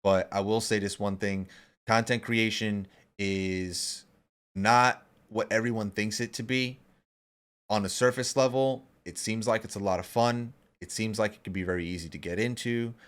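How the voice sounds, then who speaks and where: A man's voice: lowish voice, fairly even intonation, normal speed, fairly bright tone, clean tone. A man in his thirties co-hosting a podcast in casual chat, talking in an emphatic, profane, motivational way. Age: 30s. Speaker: podcast co-host.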